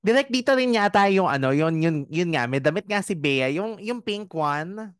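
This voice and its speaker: A man's voice: high-pitched, expressive, moderate pace, clean tone, dry recording, clean studio sound. A male host with a Filipino accent, interviewing a guest casually and listening attentively with brief affirming replies.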